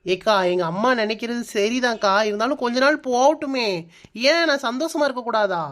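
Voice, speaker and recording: A woman's voice: fairly high pitch, a little fast, close to an everyday voice. A woman voicing a stubborn village daughter in her late twenties in a cartoon, whiny and pleading. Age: 20s. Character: stubborn 29-year-old village daughter avoiding marriage. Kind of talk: cartoon voice-over.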